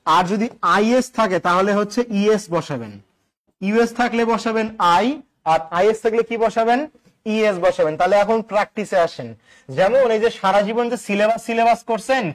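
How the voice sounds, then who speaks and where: Man, high voice, grammar teacher, quizzing, joking. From Bangladesh. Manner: quizzes listeners with repeated questions and jokes. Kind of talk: online exam-prep English grammar lesson.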